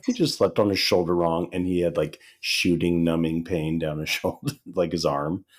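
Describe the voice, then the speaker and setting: Deep-voiced man with a raspy, dry voice. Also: a little slow. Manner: relaxed storytelling, laughing often. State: hoarse, recovering voice. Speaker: podcast co-host. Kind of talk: casual chat.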